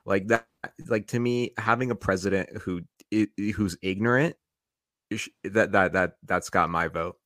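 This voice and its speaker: A young man co-hosting a podcast, trolling in deadpan irony. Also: deep voice, moderate pace, dry recording, clean studio sound. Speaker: podcast co-host. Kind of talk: casual chat.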